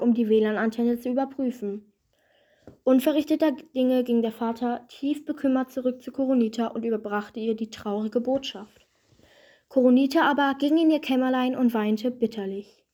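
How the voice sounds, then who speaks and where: A woman reading a fairy-tale parody aloud in a calm, measured storybook manner. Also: a little high.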